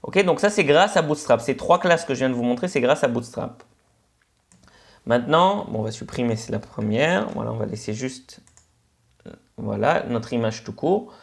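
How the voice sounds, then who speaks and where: A man's voice: medium pitch, moderate pace, vocal fry. Senegalese French man teaching code. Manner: relaxed, explanatory, with frequent "ok" and "euh" fillers. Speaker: instructor. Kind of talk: screencast coding lesson.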